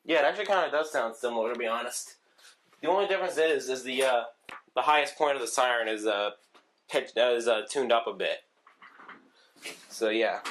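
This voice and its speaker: A man with a fairly bright, medium-pitched voice walks through his collection of weather radios on video, surrounded by shelves of them in a room at home. He talks casually and rambles, often saying "um" and starting over.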